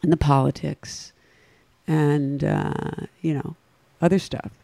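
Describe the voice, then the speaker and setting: A host makes dry, analytical asides in a casual talk-show chat. The voice has a gravelly, creaky edge at a middle pitch, recorded close and dry. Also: steady tone, slow pace, warm tone, dry recording.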